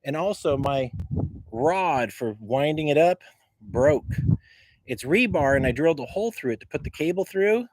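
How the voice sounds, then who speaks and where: A man walking around outdoors on his property, casually showing things off to a handheld camera in a halting, rambling way that keeps repeating words. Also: on the high side, expressive, darkish tone, rough recording. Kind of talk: casual rambling show-and-tell. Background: faint wind noise.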